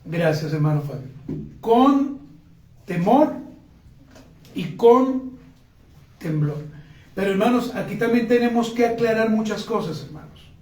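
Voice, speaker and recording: A man's voice: high voice, expressive, moderate pace, a little mellow. A man preaching a sermon as pastor, earnestly calling to his congregation and often breaking into spoken prayers. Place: church sanctuary. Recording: echoey church from a distance.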